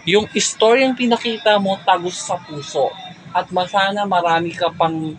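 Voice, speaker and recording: A woman announcing a game show in a showy, sing-song announcer style with big pitch jumps. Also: moderate pace, a little hiss or hum, low-quality recording. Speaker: show host.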